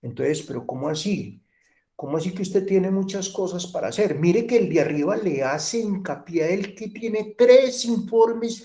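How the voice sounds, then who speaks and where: A man's voice: sits high, mellow. A middle-aged Colombian man teaching an online university class, telling stories and acting out bits of dialogue. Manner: storytelling, acts out dialogue, repeats himself. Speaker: university lecturer.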